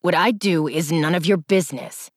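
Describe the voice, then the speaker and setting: A woman's voice: fairly low pitch, normal speed, dry recording, studio quality, close to an everyday voice. Woman voicing an angry sneering young man. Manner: sneering, through clenched teeth.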